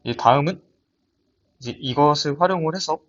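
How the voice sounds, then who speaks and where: A young man walks through a research paper in a lab seminar. His voice sits a little high and he talks hesitantly, often restarting his words. The audio is dull and lo-fi, as if from a computer mic. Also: a little fast, a bit bright. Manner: hesitant, many restarts and fillers. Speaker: student presenter. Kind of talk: academic paper presentation.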